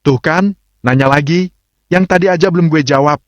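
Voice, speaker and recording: A man's voice: fairly high pitch, moderate pace, dry recording, pitched above the performer's own voice, lightly acted. A man voicing a playful, sassy young wife who talks in bubbly slang, on a dull, dry recording. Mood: chatty.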